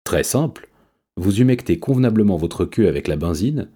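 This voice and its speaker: A man's voice: sits low, animated, moderate pace, dark tone, husky. A man doing a pompous grumbling tomcat. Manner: haughty and complaining. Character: pompous, grumbling old male cat.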